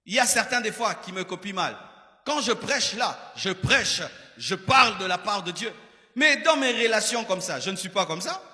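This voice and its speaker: A Congolese-accented man preaches in a high, very bright voice. He admonishes his listeners directly and repeats short phrases for emphasis, his words carrying long reverb in a large hall. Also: expressive, moderate pace. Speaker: pastor preaching. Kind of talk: sermon with acted examples and direct address.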